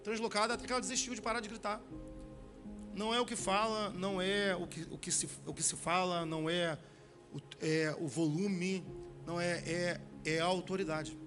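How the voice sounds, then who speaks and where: A man preaching a sermon as a pastor with a Brazilian Portuguese accent, talking in restarts and rhetorical questions, then slowing and swelling on key phrases. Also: high voice, fairly even intonation, music in the background.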